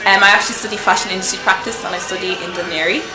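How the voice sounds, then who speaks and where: A woman's voice: mid-range voice, fairly even intonation, racing, echoey room, low-quality recording. Young woman, 19, from nigeria, rambly chill answers, music in the background. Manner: chatty, many fillers like "um" and "you know". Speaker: interview guest, fashion blogger. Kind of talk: casual interview chat.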